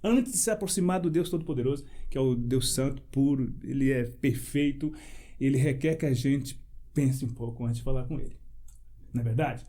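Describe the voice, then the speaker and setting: A man's voice: mid-range voice, a little fast, warm tone. A man, a pastor preaching in a panel debate, emphatic and full of rhetorical questions, breaking into short laughs as he tells a personal testimony. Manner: laughs between phrases.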